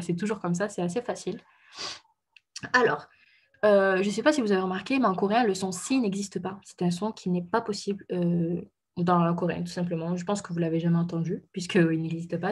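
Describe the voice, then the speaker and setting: A woman teaching pronunciation in a relaxed explanatory way, pausing with fillers and correcting herself. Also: medium pitch, breathy edge. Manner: patient, many fillers and self-corrections. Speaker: Korean language teacher.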